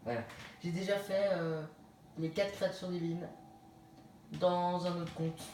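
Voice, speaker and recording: A man's voice: high voice, steady tone, a little slow, darkish tone. A man giving casual, rambling commentary on his own game, often correcting himself as he talks, recorded on a phone filming the screen in a room. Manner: rambling, self-correcting, chatty. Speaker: let's play gamer. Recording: roomy distant phone recording, faint hiss.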